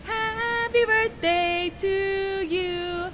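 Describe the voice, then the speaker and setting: A woman singing slowly as a godlike serenader, in a vast cosmic voice soaked in reverb, over game voice chat. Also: very high voice, fairly even intonation, loud music behind the voice, pitched above the performer's own voice, heavily acted. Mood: grand, celebratory. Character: godlike singer serenading with a birthday song. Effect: heavy reverb, vast echoing godlike sound. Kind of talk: slow singing.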